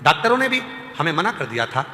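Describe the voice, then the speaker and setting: With a fairly high voice and a quick pace, a male kathavachak preacher gives an animated devotional sermon, voicing characters and bursting into loud emphasis before the congregation. Music plays in the echoey hall, and there is a little hiss or hum.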